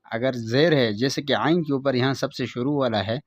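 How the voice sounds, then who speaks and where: A male teacher giving an online reading lesson, patiently explaining step by step and slowly sounding out each letter and vowel in drills. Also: mid-range voice, no echo.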